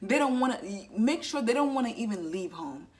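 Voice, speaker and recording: A woman's voice: a little high, animated, a little fast, a little mellow. A woman in her twenties giving earnest, chatty advice to camera and filling her talk with "you know" asides. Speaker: vlogger.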